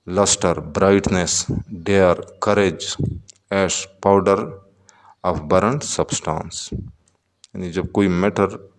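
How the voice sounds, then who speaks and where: With a deep voice and a big-room sound, a Pakistani man gives a slow English lesson, going word by word, repeating terms and putting questions to his students as he explains vocabulary.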